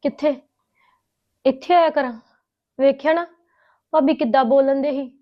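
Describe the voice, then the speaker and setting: A grieving daughter, tearful and pleading, played by a woman with a bright, high voice. The recording sounds slightly dull. She speaks in the measured way of a family drama. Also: fairly even intonation, natural voice. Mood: hurt. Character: grieving married daughter who has lost her mother. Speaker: lead character Simrat. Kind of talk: Punjabi family drama acting.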